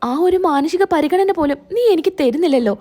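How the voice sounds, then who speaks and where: A wounded young wife, read by a woman, pleading and reproachful, high and mellow. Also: lively intonation, a little fast.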